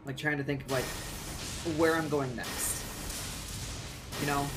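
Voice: mid-range voice, fairly even intonation, unhurried. A streamer's friend co-hosting, chatting casually during a game. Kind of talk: casual gaming chat. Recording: loud game music behind.

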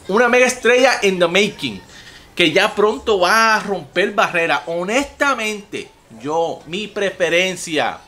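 A young man from Puerto Rico with a Puerto Rican Spanish accent hosts a casual music reaction vlog in his high voice. He's animated and profane, gesturing a lot as he talks from his room at home, which is full of TVs and gaming gear.

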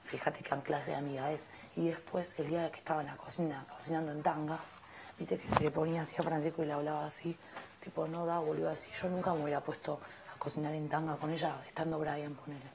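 Argentine girl ranting fast, kinda low gravelly voice, noisy mic with clicks. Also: level tone. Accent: Argentine Spanish. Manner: indignant, complaining, fast and emphatic. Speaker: reality show housemate. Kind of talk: heated gossip chat.

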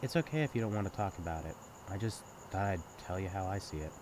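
In an intimate audio roleplay, a young adult man takes the part of a sibling's best friend, speaking quickly in a deep voice with lively intonation. His talk is candid and casual, caring yet teasing, with a sincere, thoughtful mood, set against a noisy night full of chirping crickets and insects outdoors.

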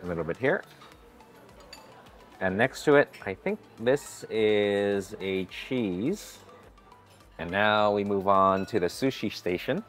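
With soft music in the background, a man in his forties gives a cheerful, chatty food vlog tour of a hotel buffet restaurant. His voice is fairly low, his delivery slow with frequent pauses, and he often stops to greet staff warmly.

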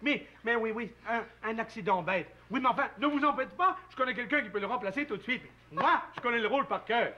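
A squeaky, excitable little fellow. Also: male voice, brisk, few pauses, dull audio, exaggerated voice. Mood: eager. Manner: excitable, stammering. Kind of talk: 1960s children's TV puppet acting.

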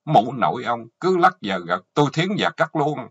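Casting: a man playing a vengeful wife, Southern Vietnamese accent, shrill and scolding, husky edge. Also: very animated, moderate pace. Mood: furious. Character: furious vengeful middle-aged wife. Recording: dull lo-fi audio.

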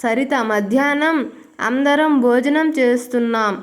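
A woman voicing a heartbroken young woman, a college student, in a hushed, tearful manner. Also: high-pitched, a little slow. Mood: upset.

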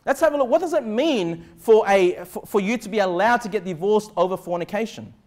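This middle-aged Australian man's voice sits high with a darkish tone, and he talks a little fast. Preaching a sermon as a pastor, he's emphatic yet conversational and often checks that the congregation is following. The setting is a small room's indoor church pulpit, picked up by a clip-on lapel mic.

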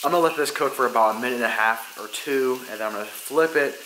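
A young man runs a fishing vlog in a mid-range voice, talking fast and casually with many fillers against a noisy background. The footage comes from a handheld wide-angle camera at arm's length, in a garage and then an apartment kitchen and living room.

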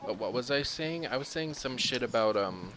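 Profane, animated young gamer guy. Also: mid-range voice, moderate pace. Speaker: gaming commentator. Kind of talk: casual gameplay commentary. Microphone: own desk microphone.

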